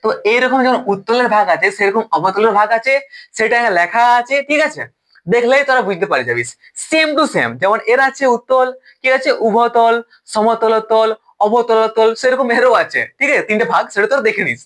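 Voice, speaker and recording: High, bright-voiced young man tutoring. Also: lively intonation, brisk. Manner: chatty, keeps asking the listener questions; self-correcting, stumbles over terms. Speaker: science tutor. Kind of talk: informal class explanation.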